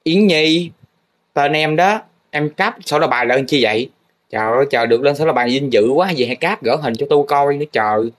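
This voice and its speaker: A man's voice: medium pitch, fast talker. A young man playing a comic art teacher grading students' drawings, teasing and full of exaggerated exclamations. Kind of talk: comedic teacher role-play monologue.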